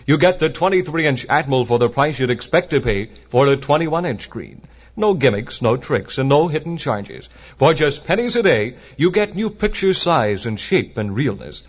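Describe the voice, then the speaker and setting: A man's voice: medium pitch, animated, normal speed. An American man working as a radio DJ in an upbeat, salesmanlike 1950s ad style, on a dull vintage AM broadcast. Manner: upbeat, salesmanlike announcer delivery. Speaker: radio DJ reading ads and announcements. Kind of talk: chipper 1950s radio ad and DJ patter.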